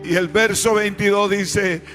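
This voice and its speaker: A man preaching a sermon as pastor, swinging between fervent shouts and hushed, tender tones. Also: high-pitched, fairly even intonation, a little slow, music in the background.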